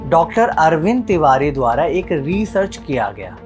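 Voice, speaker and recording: A man's voice: on the high side, sing-song, normal speed, over music. Male host explaining in a plain manner. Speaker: host and narrator. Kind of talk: explainer narration and interviewing.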